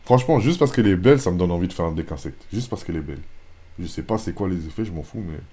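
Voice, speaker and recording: A lower-pitched French man hosts a casual pack-opening video. He rattles off card names in a plain, steady list, then breaks into quick, excited exclamations over the rare finds. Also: husky. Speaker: YouTuber opening card packs.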